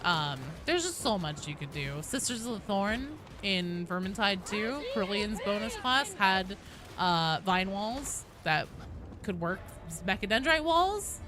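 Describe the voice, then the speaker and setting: With music playing behind her, a woman game streamer speaks at medium pitch, expressively and at a measured pace. She casually reads and answers viewer chat on her livestream, opinionated, enthusiastic, and given to casual swearing.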